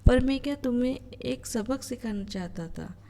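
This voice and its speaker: A woman's voice: fairly high pitch, normal speed, dark tone, close to an everyday voice. A woman reading as an angry stern employer. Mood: calmer.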